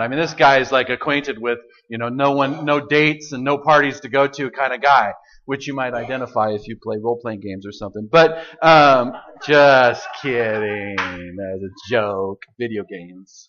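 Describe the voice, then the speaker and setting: A man preaching a sermon in an animated, joking way, putting questions to the congregation. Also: mid-range voice, muffled recording. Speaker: pastor.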